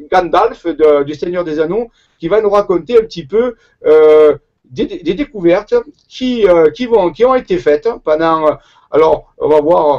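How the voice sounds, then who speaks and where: On lo-fi sound, a man with a Marseille accent, a researcher from that southern French city, answers questions as an interview guest. His voice is on the high side and a little mellow, and he speaks hesitantly, restarting often and leaning on fillers in this conversational exchange.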